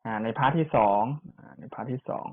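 A language teacher runs an online pronunciation lesson, repeating each syllable for students to copy and adding chatty asides. The voice is mid-range and fast, and the recording has a tinny, phone-like quality.

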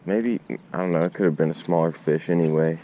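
Brisk and deep-voiced, this young male fishing vlogger narrates his own footage by a suburban pond, shot on an action camera worn on the chest or held out. He's excitable and full of slang, addressing viewers as y'all over faint background noise.

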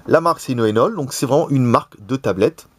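A man from Lyon hosts a gadget review with a put-on southern French accent, chatting and joking between plenty of fillers. His pitch leaps up and down with every aside. The sound is dry and close, with no room echo. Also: lively intonation, fast talker, breathy edge. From Lyon, France. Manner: jokey, chatty, many fillers. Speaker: tech reviewer, show host. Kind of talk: casual product review. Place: office in Shenzhen.

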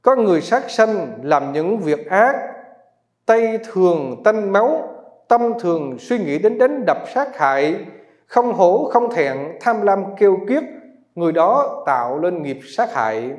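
Monk giving a dharma talk, higher than usual male voice, chuckling as he tells stories; roomy temple-hall echo. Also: big pitch swings, measured pace. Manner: chuckles often while telling stories. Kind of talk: sermon with personal storytelling. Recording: echoey hall sound.

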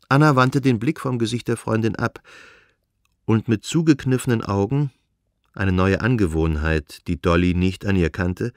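Low calm male audiobook narrator. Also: no room sound, studio quality.

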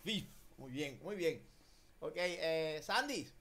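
Un profesor de inglés con acento latinoamericano en una clase en línea por videollamada, que corrige la pronunciación con entusiasmo y mezcla español e inglés. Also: male voice, on the high side, slow pace. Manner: lively, drills pronunciation, mixes Spanish and English. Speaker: English teacher. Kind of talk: online class. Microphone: video call.

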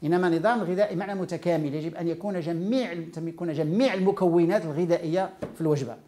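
A Moroccan man teaching about food and health at a very rapid clip. His voice is dark and mellow, and he explains by running through lists item after item. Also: fairly high pitch. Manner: explains by listing items one after another. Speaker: nutrition educator. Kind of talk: informal health lecture.

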